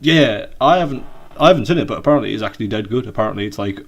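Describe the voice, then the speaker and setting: A man's voice: fairly low pitch, animated, very fast. Rambling British man on a call. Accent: British English. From Britain. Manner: rambling, jokey, trails off quietly at the ends of points. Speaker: podcast co-host. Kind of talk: casual chat over a video call. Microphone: video call.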